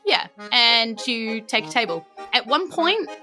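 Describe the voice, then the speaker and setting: Music runs underneath as a New Zealand-accented woman game-masters a tabletop game, making up descriptions in chatty, everyday language as she goes along. Her voice sits a little high and sounds animated, though her pace is a little slow.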